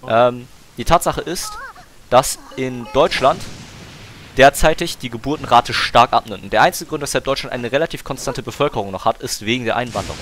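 A man's voice: mid-range voice, fairly quick, fairly bright tone, slight background noise. A young man streaming a game, chatting casually and arguing his point in slangy talk, pushing on through interruptions. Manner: argumentative, slangy, talks over interruptions. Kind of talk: casual chat while gaming.

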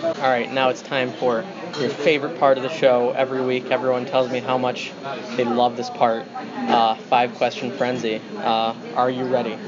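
Young male vlog host, deadpan jokes, filmed at arm's length indoors. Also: medium pitch, a crowd in the background. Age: young adult. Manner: dry, joking, brisk. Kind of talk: casual food review vlog. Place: indoor restaurant with wooden wall. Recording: dull lo-fi sound with loud background music.

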